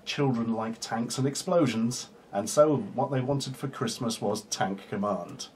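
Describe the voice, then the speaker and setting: A man chatting casually as he looks over an old board game, his voice sitting in an ordinary middle register. His jokes land dry and deadpan. A faint noise sits under the recording. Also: mid-range voice, a little slow. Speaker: co-host reviewing a board game. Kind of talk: casual comedic chat.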